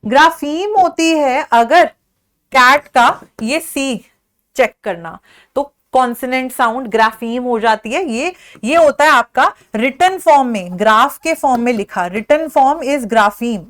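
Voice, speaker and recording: Indian woman, lesson teacher, high and unhurried, patient and clear. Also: animated, a bit bright. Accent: Indian English. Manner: explains step by step, mixing English and Hindi; slows right down to read out questions. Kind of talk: exam prep lesson.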